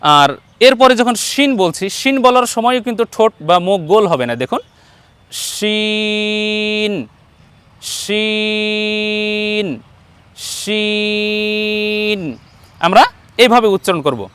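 A man teaching Arabic letter sounds in an online lesson, patiently repeating each letter slowly for viewers to copy. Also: high-pitched, sing-song, a bit bright, clear, resonant tone, no echo. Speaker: Quran teacher.

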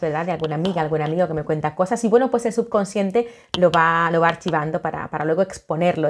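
A middle-aged woman from the Dominican Republic, an author who talks warmly and chattily into a webcam at home, with many fillers and restarts. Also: low-pitched. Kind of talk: casual video greeting. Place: home living room, indoors.

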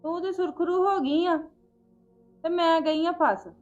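A woman's voice: very high-pitched, fairly even intonation, unhurried, a little mellow, highs cut off, faint music behind. A young woman playing a poor, worried village housewife and mother who complains and quarrels. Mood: exasperated. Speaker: mother and wife. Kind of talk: homemade village drama acting.

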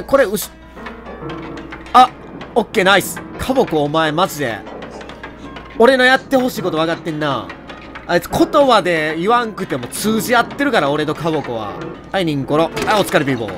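A man with a Kansai accent giving jokey, animated running commentary on a horror game and talking to its characters. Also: a little high. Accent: Kansai Japanese. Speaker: let's play host.

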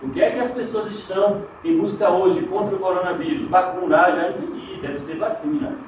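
A Brazilian man teaching a televised Spanish lesson, slow and emphatic on example words. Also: high voice, fairly even intonation, a little mellow. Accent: Brazilian Portuguese. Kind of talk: televised exam-prep lesson. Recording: very echoey, distant mic, faint noise.

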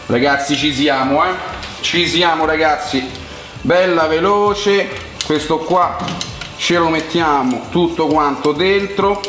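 A man's voice: fairly high pitch, takes it slowly, a bit bright, slight background noise. A young man with a Roman Italian accent chatting colloquially to viewers as he hosts a casual cooking demonstration. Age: young adult. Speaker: cooking vlog host. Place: home kitchen, indoors. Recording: echoey room sound.

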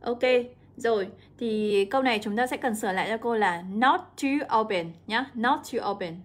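A young woman, an English teacher walking students through an exam, drawing out example words slowly. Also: fairly high pitch. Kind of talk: exam walkthrough lesson.

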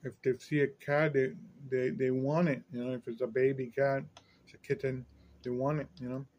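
A man's voice: medium pitch, flat delivery, a little mellow, lo-fi sound, slight background noise. Man talking with his mouth full. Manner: halting, repeats words. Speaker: food vlogger. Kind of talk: casual food review vlog.

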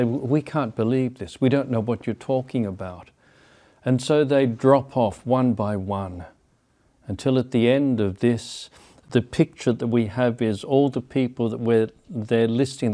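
An older man delivers a homily with a soft, mellow tone. He speaks reflectively in measured phrases, pausing between thoughts, at a lectern microphone in a small chapel. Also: on the low side. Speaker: bishop giving a homily. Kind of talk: sermon. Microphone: gooseneck lectern microphone.

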